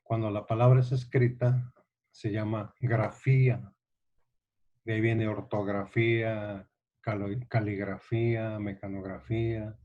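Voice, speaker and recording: A male teacher with a Guanajuato Mexican accent gives a classroom lecture at an unhurried, deliberate pace. He explains things patiently and keeps checking in with his students through rhetorical questions. The recording sounds dull and lo-fi. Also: lowish voice, flat delivery. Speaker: literature teacher.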